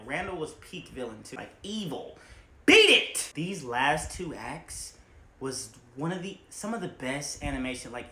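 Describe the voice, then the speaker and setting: A young man doing a comedic movie ranking, animated and jumping into loud, high shouted bits. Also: echoey room. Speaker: movie reviewer.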